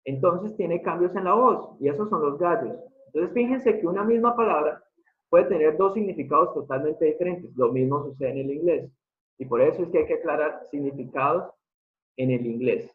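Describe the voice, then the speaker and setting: A man's voice: fairly high pitch, animated, normal speed. A man giving a live online lecture, explaining step by step and often putting questions to his audience. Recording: tinny phone-like sound in an echoey room.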